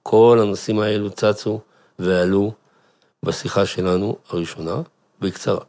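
A rabbi telling a family story to listeners, with an animated manner and questions put to the audience. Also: male voice, on the low side. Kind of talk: storytelling talk.

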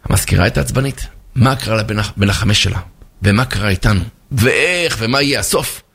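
A man, a rabbi, telling a parable in a sermon, animated, with sound effects and acted voices. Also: lowish voice, creaky, husky. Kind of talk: storytelling sermon.

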